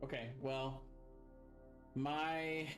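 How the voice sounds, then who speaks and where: Medium-pitched man playing a tabletop game. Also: little pitch movement, very slow, over music. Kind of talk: casual game chat.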